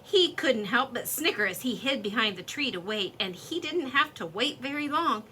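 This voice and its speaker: Bright-voiced woman reading a children's story. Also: a little high, normal speed, a little hiss or hum. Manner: expressive, lively storytelling.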